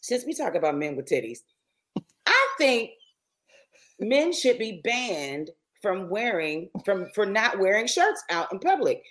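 A woman's voice: medium pitch, sing-song, a bit bright. A woman co-hosting a podcast in casual chat, teasing and asking pointed questions. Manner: teasing, questioning, quick laughs. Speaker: podcast co-host.

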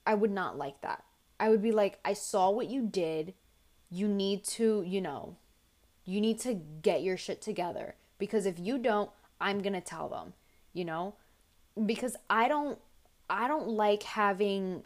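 A young woman hosts a casual advice podcast, reading listener stories aloud in a tired, raspy, medium-pitched voice. She's blunt and chatty and swears freely.

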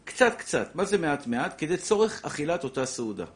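Animated man teaching a class. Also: a little high. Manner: animated, repeats points, acts out little scenes. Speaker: Torah teacher. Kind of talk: lively classroom halacha lesson.

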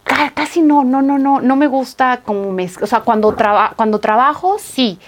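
A woman's voice: high voice, normal speed. A young woman, an actress guest chatting casually in an interview, telling stories with lots of laughter and acting out quoted lines. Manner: animated storytelling, acts out quoted lines, laughs often.

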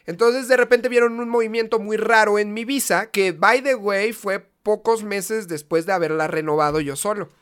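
A man's voice: high voice, steady tone, normal speed, hardly any pauses, a bit bright, smooth. A young man with a Mexican accent telling a story to friends, slangy and swearing, laughing as he goes. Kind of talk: casual storytelling among friends.

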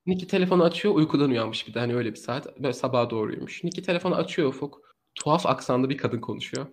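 Guy on a true crime podcast, talks super fast, gets animated and laughs a lot. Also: medium pitch. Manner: animated storytelling, laughs often. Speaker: podcast co-host telling a true crime story.

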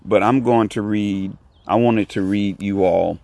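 A man hosting a solo podcast in casual talk, keeping his voice low and hushed, in halting short phrases. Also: fairly even intonation, gravelly, no room sound. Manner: low, hushed talking so as not to disturb someone. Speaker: podcast host.

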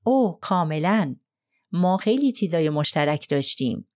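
A woman's voice: sits low, big pitch swings, a little mellow. A woman voicing a reserved young man in an audiobook, giving short, guarded answers under questioning. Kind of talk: audiobook character reading.

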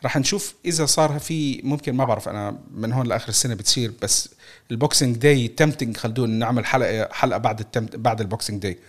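A man's voice: mid-range voice, rapid-fire. A man with a Levantine Arabic accent hosting a football podcast in a casual, chatty style. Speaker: podcast host.

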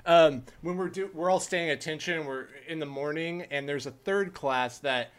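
A man's voice: a little high, moderate pace, smooth. A young man, a former Navy corpsman, talking emphatically in casual podcast chat, swearing and restarting his sentences.

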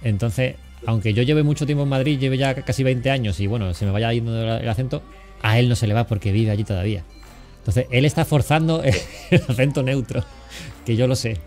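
A man's voice: mid-range voice, a little fast, darkish tone. Man, 40s, from Cádiz, joking interview host with lots of fillers, faint music behind. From Cádiz, Spain. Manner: banters and teases, many fillers and restarts. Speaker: podcast host. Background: faint background music.

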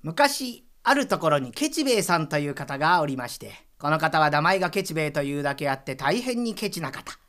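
A woman's voice: low-pitched, sing-song, fairly quick, few pauses, a bit bright, soft background music. A woman narrating a comic rakugo tale in polite storyteller's speech.

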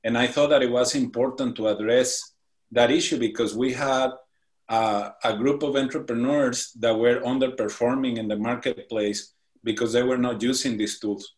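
A Mexican man who founded a business association appears as a talk show guest, answering interview questions earnestly. His mid-range voice keeps fairly even intonation, though he halts often with fillers and restarts.

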